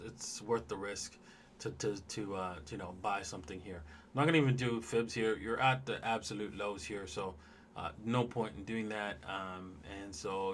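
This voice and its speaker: A man's voice: fairly low pitch, a little hiss or hum. A man hosting a casual livestream, talking loosely and in a rambling way straight to his viewers as he looks over charts. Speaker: livestream host.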